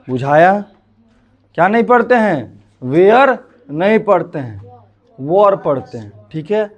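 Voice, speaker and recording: A male teacher giving a classroom grammar lesson, drilling students with repeated questions and answers. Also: on the high side. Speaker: English teacher.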